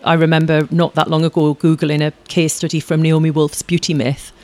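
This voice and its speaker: Being interviewed conversationally as a guest, a woman performer talks briskly in a low, slightly mellow voice with little pitch movement. She rambles in a chatty way, often restarting sentences and adding tag questions, and there's no echo.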